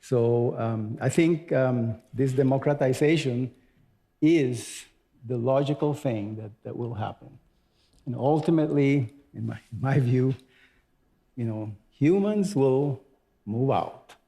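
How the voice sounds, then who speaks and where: An older man from Costa Rica speaking as a panelist on a conference stage, animated and emphatic, repeating words. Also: medium pitch, slow, gravelly. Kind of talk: panel discussion.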